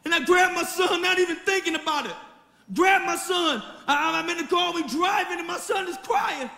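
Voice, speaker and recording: A man giving an impassioned, shouted church testimony in a preaching cadence, recorded in a large church hall. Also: extremely high pitch, moderate pace, gravelly. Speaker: testimony speaker. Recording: echoey hall with crowd.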